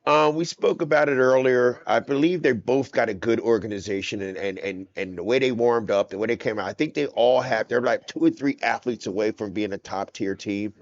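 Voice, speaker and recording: A man's voice: mid-range voice, a little fast, hardly any pauses, dry recording, dull audio. A man from New Jersey with a mix of Jersey accent and Texas drawl, doing color commentary on a football game and repeating phrases for emphasis. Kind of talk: sports commentary.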